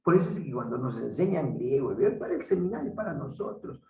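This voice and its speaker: A man teaching as a pastor in an unhurried, halting way, often tagging his points with a questioning aside. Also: medium pitch, very animated, dark tone, far from the mic. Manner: unhurried, halting, frequent "¿no?" tags. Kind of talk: Bible teaching talk. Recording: echoey room, voice from off-mic.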